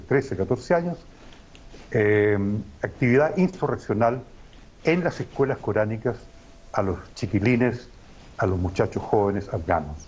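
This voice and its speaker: Emphatic and professorial, yet often hesitating, a male guest analyst lectures through his analysis on a talk show. His voice is medium-pitched with a darkish tone and a breathy edge, and the audio is dull.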